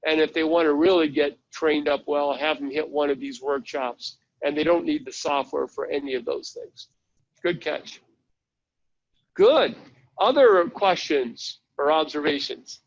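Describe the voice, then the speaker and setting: Presenting a live online training, a man with a voice on the high side walks through a website step by step in an unhurried, chatty way. His audio is lo-fi.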